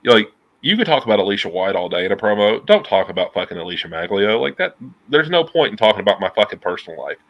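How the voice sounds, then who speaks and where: The recording is muffled, carrying a fairly low, nasal voice from a man in his thirties. As a guest on a video call with earbuds, he keeps the interview chat casual and profane, animated and waving his hands as he talks. He's in a dim room at home.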